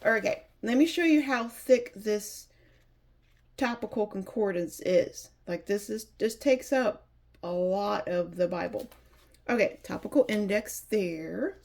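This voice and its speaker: Chatty woman with a gravelly nasal voice. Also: mid-range voice, expressive, unhurried, a little mellow. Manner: chatty, enthusiastic, restarts often. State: nasal from allergies. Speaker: Bible reviewer. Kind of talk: casual product review.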